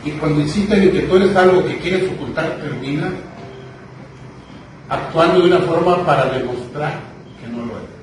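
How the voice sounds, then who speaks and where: A man's voice: on the high side, normal speed. A man preaching a sermon, telling the story with emphatic repetitions. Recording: echoey hall, distant mic, noisy.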